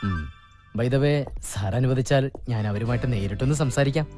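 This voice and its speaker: An actor playing a smug, self-important young general manager who is smooth and polite to his bosses in a film comedy. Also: mid-range voice, fairly quick, mellow, soft background music, close to an everyday voice.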